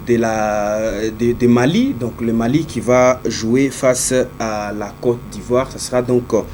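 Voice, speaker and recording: Mellow, halting male sports presenter. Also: mid-range voice, a little hiss or hum. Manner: halting, hesitant delivery.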